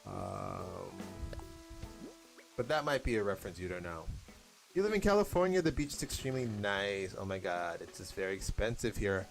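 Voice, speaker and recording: A man's voice: low-pitched, normal speed, faint music behind. A young American man chatting casually and rambling while he plays a game, laughing now and then. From United States. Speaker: gaming vlogger.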